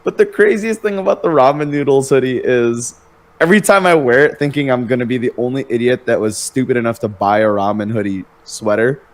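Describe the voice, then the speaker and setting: A young man sits in as a podcast guest and tells stories in an easygoing, laid-back way, with a casual curse now and then. His voice sits at an ordinary middle pitch. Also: a little fast. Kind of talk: casual chat.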